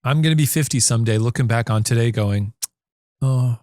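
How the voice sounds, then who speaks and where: A man's voice: mid-range voice, a little fast, no room sound, clean studio sound. A man in his forties co-hosting a podcast, telling rambling stories in casual chat with many restarts. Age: 40s. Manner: animated, rambling storyteller with frequent laughs and restarts. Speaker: podcast co-host.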